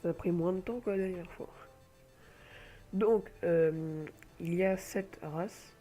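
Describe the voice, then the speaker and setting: Soft music plays behind a man whose voice is high-pitched, slow, and warm. Nursing a cold, he presents an online game from his home computer mic, rambling hesitantly over gameplay with many fillers.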